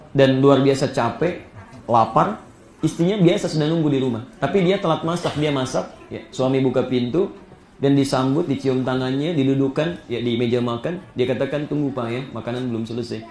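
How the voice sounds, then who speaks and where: A man gives an animated Islamic sermon, his fairly high voice jumping upward for emphasis and falling soft in the storytelling. He is heard in a roomy, echoing hall. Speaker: preacher. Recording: echoey hall.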